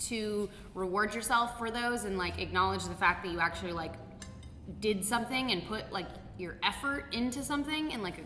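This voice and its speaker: A woman's voice: mid-range voice, pushed and bright, a little hiss or hum. A woman with a Californian American accent chatting casually and candidly as a vlog host, with informal, sweary phrasing. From San Diego, California, USA. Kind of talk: casual Q&A chat. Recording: echoey reverberant room, music underneath.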